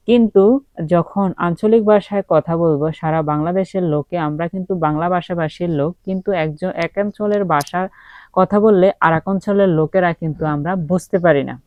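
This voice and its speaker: Low-voiced woman teaching a grammar lesson. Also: moderate pace, dry recording, highs cut off. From Comilla, Bangladesh. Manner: asks questions and answers them herself, many fillers.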